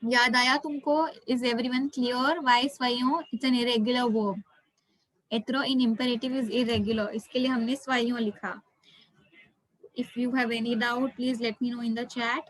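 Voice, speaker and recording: Woman, Indian accent, fairly high voice, online language teacher, encouraging, repeats phrases, interactive lesson delivery. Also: fairly even intonation, quick pace, dry recording, low-quality recording. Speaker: French teacher.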